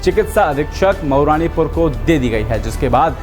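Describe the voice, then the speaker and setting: A man reading a scripted news bulletin in a formal, steady anchor style, recorded as a studio voice-over. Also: fairly high pitch, normal speed. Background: faint background music.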